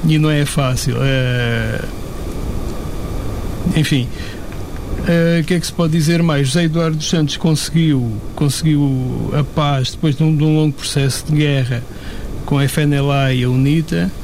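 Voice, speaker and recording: Guy breaking things down in a talk, pretty high pitch, super flat melody. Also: moderate pace, slight background noise. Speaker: commentator. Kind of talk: casual discussion.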